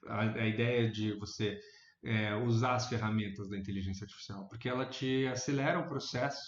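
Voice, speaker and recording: Man, Brazilian accent, casual debate, restarts often, echoey, muffled. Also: fairly quick. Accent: Brazilian Portuguese. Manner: thinks aloud with many restarts, animated rises in pitch. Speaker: debate panelist. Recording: echoey room, dull lo-fi sound.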